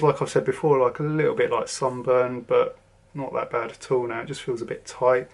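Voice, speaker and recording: A vlogger in his forties from southern England, with an accent to match, gives a casual, rambling update to camera, full of ums and restarts. His voice is gravelly and medium in pitch.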